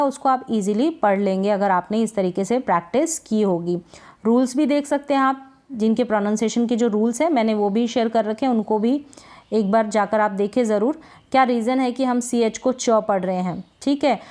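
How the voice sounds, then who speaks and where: Hindi-accented woman teaching slow phonics. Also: on the high side, a little mellow. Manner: drawn-out word repetition, quizzing questions. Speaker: English teacher.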